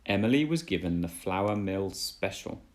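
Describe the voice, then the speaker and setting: A man reads a children's storybook aloud the way a dad would, with deliberate, dramatic storytelling in a low, animated voice.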